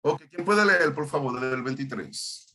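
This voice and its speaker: A man's voice: mid-range voice, expressive, normal speed, bright, forceful tone. A male pastor leading an online Bible study, stopping often and repeating words as he explains Hebrew terms.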